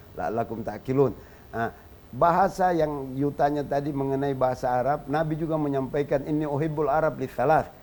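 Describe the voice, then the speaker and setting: A man's voice: on the high side, darkish tone, slight background noise. A man from Indonesia, a religious scholar teaching on a TV talk show, explaining points and reciting Arabic verses in a chanting cadence.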